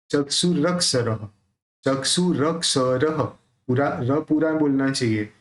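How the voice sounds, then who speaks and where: Slow-paced Indian man teaching chant pronunciation. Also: on the high side, fairly bright tone, rough recording. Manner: chants verses slowly, then explains quickly. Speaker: recitation teacher. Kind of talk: pronunciation lesson.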